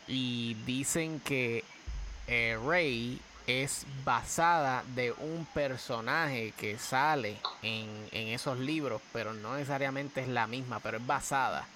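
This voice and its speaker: A man's voice: medium pitch, slow pace, background noise. A man in casual chat who talks hesitantly, with many fillers.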